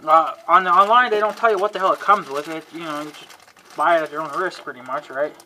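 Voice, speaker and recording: Here the antenna-demo host talks quickly, his slightly high voice pushed and bright. He rambles casually, folksy and half muttering, clearing his throat a lot and cussing mildly out of exasperation. The homemade recording is clearly noisy, with clicks.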